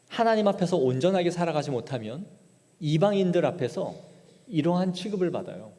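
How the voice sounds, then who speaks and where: A man's voice: high voice, mellow. A man preaching a sermon as pastor, retelling scripture in dramatic paraphrase. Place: church sanctuary. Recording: long church hall reverb.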